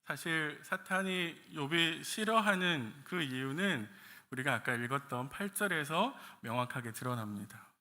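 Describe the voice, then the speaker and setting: A man's voice: a little high, animated, normal speed, bright, forceful tone. A male pastor from the Gyeongsang region preaching a sermon, putting rhetorical questions to his congregation. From Gyeongsang region, Korea. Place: church sanctuary. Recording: echoey church hall.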